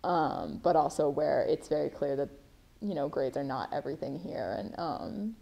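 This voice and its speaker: Low, gravelly-voiced young woman reflecting. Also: big pitch swings, moderate pace, lo-fi sound. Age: 20s. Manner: reflective, frequent ums. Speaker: college student interviewee. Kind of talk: documentary interview.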